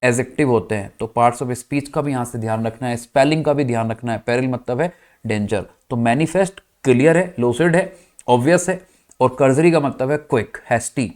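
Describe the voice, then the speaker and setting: A male English teacher from India runs a vocabulary class, mixing Hindi explanation with English words spoken in an Indian accent. His voice sits at an ordinary middle pitch, and he keeps asking his students whether they've got it. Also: moderate pace, a little mellow. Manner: addresses students as "bachcha party", checks "clear?"; spells words out letter by letter.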